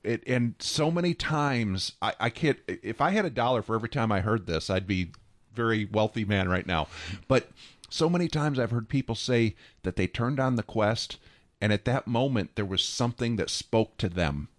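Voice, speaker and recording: A man's voice: lowish voice, expressive, normal speed, no room sound. A man co-hosting a radio pledge drive, chatty and eager. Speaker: radio co-host.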